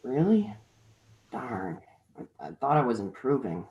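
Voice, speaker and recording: A man's voice: mid-range voice, big pitch swings, fairly quick, muffled recording, a little hiss or hum, lightly acted. A man reading a cocky, persuasive teenage boy in an unrehearsed script read-through. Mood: fake-sick. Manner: pushy, persuasive.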